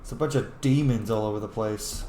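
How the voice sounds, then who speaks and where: A gaming video host with a lowish, mellow voice talks briskly, offering casual, offhand commentary and joking to himself while he plays. The recording has a roomy echo, slight background noise, and faint game music behind him.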